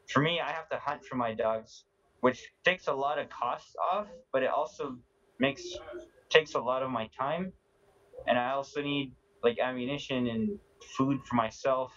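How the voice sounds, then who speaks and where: A young man giving casual, halting answers in an interview. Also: mid-range voice, fairly bright tone. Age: young adult. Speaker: interview guest, hunter. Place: large busy indoor meeting hall. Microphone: video call. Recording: muffled video call sound.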